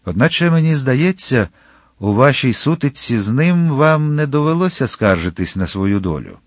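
A man's voice: medium pitch, big pitch swings, moderate pace, no room sound, studio quality, pitched above the performer's own voice, natural voice. A man reading an audiobook and voicing a cunning, cold young noblewoman with a raised, coaxing voice. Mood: scheming.

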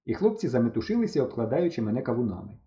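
A man reading a humorous story aloud in the first person, with lively, mock-dramatic narration. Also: mid-range voice, very fast. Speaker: audiobook narrator. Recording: dull lo-fi recording.

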